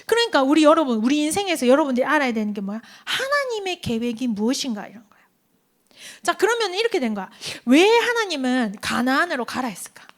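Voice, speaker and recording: High-voiced woman preaching to teens. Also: fast. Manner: animated storytelling, acts out quoted voices, asks the listeners questions. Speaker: youth group preacher. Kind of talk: sermon to teens.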